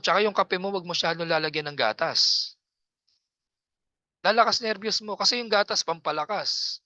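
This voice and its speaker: Male speaking coach on a laptop call, bright, dry, slightly dull audio, playful and animated delivery. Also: a little high, dry recording. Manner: joking, animated, teasing. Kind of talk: casual online training talk. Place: nipa hut at his farm. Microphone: laptop on a video call.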